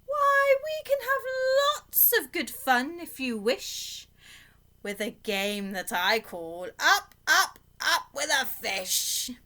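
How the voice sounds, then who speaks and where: Woman putting on the bright, boastful Cat in the Hat. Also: high-pitched, sing-song, voice pushed up, exaggerated voice. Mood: breezy, reassuring. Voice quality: bright, swooping. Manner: drawn-out, emphatic, showy delivery. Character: boastful, carefree showman cat, playful trickster, male.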